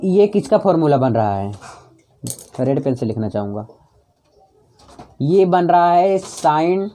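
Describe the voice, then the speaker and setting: This man speaks in a high-pitched, dark-toned voice while leading a chalk-and-talk maths lesson. He encourages students patiently, going through each step more than once so it lands, and he raises rhetorical questions that he answers himself.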